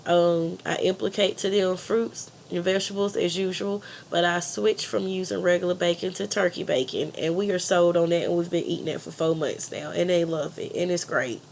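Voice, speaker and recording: A woman's voice: fairly low pitch, steady tone, moderate pace, creaky, few pauses, darkish tone, a little hiss or hum. A woman with a country accent and a congested, pinched-nose nasal sound from being sick, earnestly giving an informal persuasive presentation. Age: adult.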